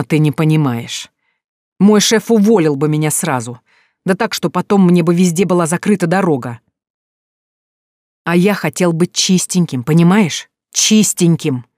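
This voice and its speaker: A narrator voicing a furious, abusive grown man who spits contempt and shouts, in a storybook reading. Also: high voice, no room sound, clean studio sound.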